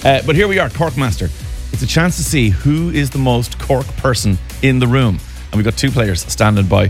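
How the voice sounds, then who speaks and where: A man's voice: mid-range voice, normal speed, faint music behind. An Irish man hosting a live radio quiz with casual, jokey, teasing banter. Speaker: radio host and quizmaster.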